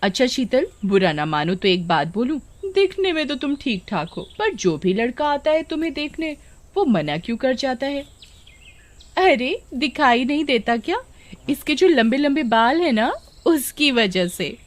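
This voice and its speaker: A woman's voice: sits high, sing-song, measured pace, pitched above the performer's own voice. A woman doing a taunting village girl. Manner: taunting, sneering. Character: mocking young village girls.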